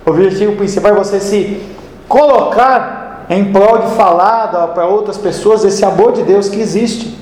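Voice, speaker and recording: A man's voice: high-pitched, moderate pace, darkish tone. A man preaching a sermon in a conversational way, mixing scripture with homely stories. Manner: conversational, tells homely anecdotes. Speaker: pastor. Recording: echoey hall with faint noise.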